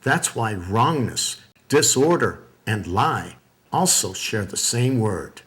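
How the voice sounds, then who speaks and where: A man giving scripted documentary narration in a measured, deliberate way. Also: on the low side, sing-song, a bit bright.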